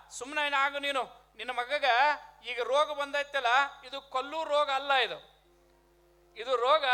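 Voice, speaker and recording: A man's voice: very high-pitched, pushed and bright, full character voice. A man with a North Karnataka Kannada accent voicing a kindly saint who comforts a weeping devotee firmly.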